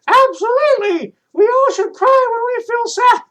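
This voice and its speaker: A man's voice: very high-pitched, normal speed, pitched above the performer's own voice. A man voicing an eager, curious young boy in a children's church lesson. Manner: excited, calling out, wide-eyed questions.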